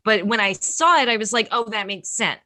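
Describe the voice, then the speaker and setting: Female, casual podcast chatter, bright tone, dry. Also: medium pitch, expressive, fairly quick, no echo.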